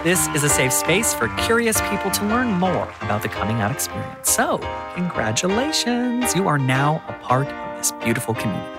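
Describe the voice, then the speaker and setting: American guy hosting a podcast, bubbly and playful, clear music under him. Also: on the high side, sing-song, fairly quick, few pauses. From United States. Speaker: podcast host. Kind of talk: upbeat podcast interview.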